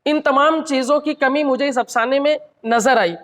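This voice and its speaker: A man giving a measured, analytical critique of a short story at a literary gathering, with occasional restarts. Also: very high voice, steady tone, fairly bright tone. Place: college hall. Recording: reverberant hall.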